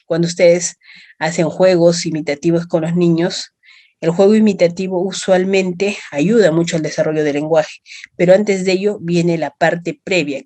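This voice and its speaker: A woman's voice: lowish voice, a little mellow. A woman with a Peruvian accent giving a lecture to students, explaining step by step and checking in with short tag questions. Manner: explanatory, checks understanding with tags. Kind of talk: online class lecture.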